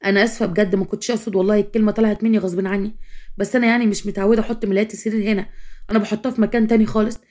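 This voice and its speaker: A woman's voice: medium pitch, level tone, very fast, darkish tone, close to an everyday voice. A woman voicing a stubborn young working wife, Egyptian-accented, who talks in a pleading yet defiant way. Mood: apologetic. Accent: Egyptian Arabic.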